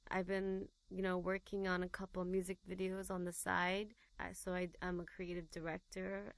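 Gravelly, low, flat-voiced woman guest. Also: no room sound. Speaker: interview guest, creative director. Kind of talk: casual interview.

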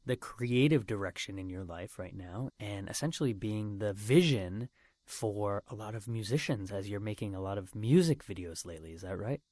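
A man's voice: on the low side, expressive, normal speed, a little mellow, no room sound, clean studio sound. A man hosting a casual interview in an upbeat, friendly and enthusiastic manner. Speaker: interview host.

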